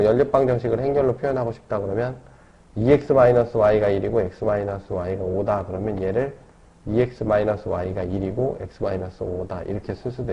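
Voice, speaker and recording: On a dull, lo-fi classroom recording, a man with a gravelly, fairly low voice teaches math. He explains things one step at a time and keeps checking on his students with tag questions.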